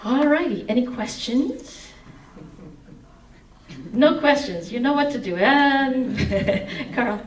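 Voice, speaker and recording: A woman in her forties wearing a headset mic reads expressively from her memoir in an indoor meeting room, singing snatches of song, then takes audience questions. Her voice is high-pitched and slow with frequent pauses, and the low-quality recording sounds roomy and distant.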